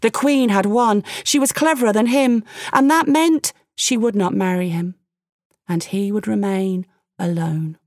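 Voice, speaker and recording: Expressive woman telling a story. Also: mid-range voice, a little slow, dry recording, clean studio sound. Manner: expressive, with playful asides. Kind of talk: storytelling narration.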